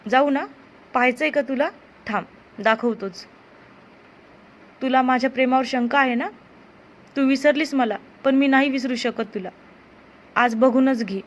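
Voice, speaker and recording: Woman doing a pushy young guy lover in a marathi love story, insistent, highish voice. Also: steady tone, moderate pace, dull audio, natural voice. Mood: threatening. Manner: insistent, pleading. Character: young man, possessive desperate lover.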